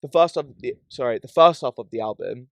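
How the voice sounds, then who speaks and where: A man's voice: medium pitch, animated, fast talker, vocal fry, fairly bright tone, no echo. British man in slangy, dry-sounding podcast chat. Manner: slangy, says "bro" and "yeah" as tags. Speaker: podcast host.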